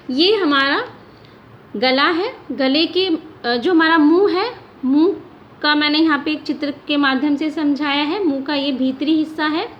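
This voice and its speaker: A woman's voice: high voice, a bit bright. A woman teaching a grammar lesson for children, patiently sounding out each letter aloud. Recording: slightly dull lo-fi audio with faint hiss.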